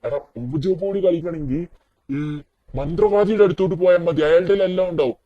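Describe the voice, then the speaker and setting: A man's voice: high voice, fairly quick, dry recording, muffled recording, lightly acted. A man voicing Michael, a worried middle-aged friend in a game video, who keeps saying he has no idea what is going on. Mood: scheming. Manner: panicky, keeps saying he doesn't know. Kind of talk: casual game role-play dialogue.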